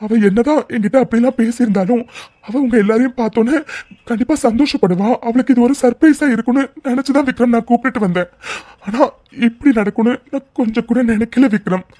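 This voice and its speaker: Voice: mid-range voice, quick pace, warm tone, no room sound, natural voice. A voice actor playing an earnest young man in a cartoon, explaining himself to the family.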